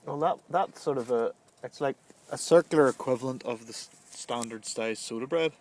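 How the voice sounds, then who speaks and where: A man's voice: medium pitch, normal speed, a little mellow. Man chatting, faint noise behind. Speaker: camper van vlogger. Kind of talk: casual unscripted chat. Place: inside a camper van.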